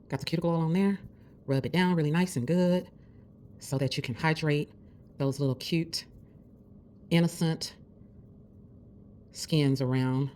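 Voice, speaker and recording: There's slight background noise behind this woman's mellow, bass voice. She's a vlogger casually chatting through a nail tutorial, hiccuping as she warmly encourages her besties.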